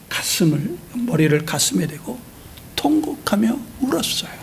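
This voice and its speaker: A man from Seoul preaching a folksy storytelling sermon, swinging between loud and hushed. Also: high-pitched, creaky, a little hiss or hum. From Seoul, South Korea. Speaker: pastor.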